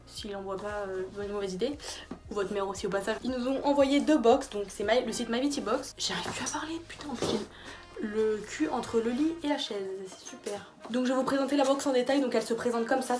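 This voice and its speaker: A young woman in a casual gift-idea vlog, tired late at night, chatty and rambling with fillers and restarts. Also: mid-range voice. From France. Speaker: YouTuber. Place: small bedroom.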